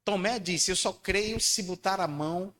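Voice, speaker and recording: Emphatic preacher in a church hall. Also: male voice, a little slow. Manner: emphatic, calls for congregation responses; swings between loud high declarations and low quiet lines. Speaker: pastor. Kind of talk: sermon. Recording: long church hall reverb.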